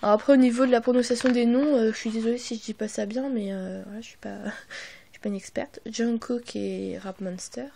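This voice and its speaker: A young woman vlogger narrates a casual unboxing on her phone, hesitant and apologetic, full of fillers and often slipping into a half-whisper. Her voice is fairly high, creaky and dark in tone, with fairly even intonation and a fairly quick pace.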